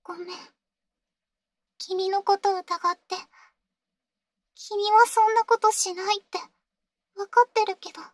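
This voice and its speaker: A clingy, insecure young girlfriend in an ASMR role-play audio drama, sweet yet eerily obsessive. Her voice is extremely high and girlish, with slow, halting, pleading delivery. It sounds close and dry. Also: steady tone, no echo. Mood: fragile, apologetic.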